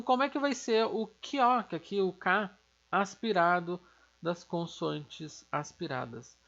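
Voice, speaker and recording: A woman's voice: mid-range voice, lo-fi sound. A woman teaching an online language lesson, explaining step by step and asking and answering her own questions.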